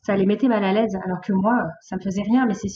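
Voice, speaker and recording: A woman in her late thirties, a podcast guest, telling her life story in a lively, casual way with many fillers. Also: medium pitch, fast, highs cut off, a little hiss or hum. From France, of Portuguese origin. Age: late 30s. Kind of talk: casual conversational interview.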